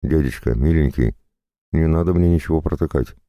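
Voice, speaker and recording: A man's voice: a bass voice, fairly quick, dark tone, no room sound, clean studio sound, pitched above the performer's own voice. A man voicing a young captive woman accused of witchcraft, pleading and wheedling in a storybook reading.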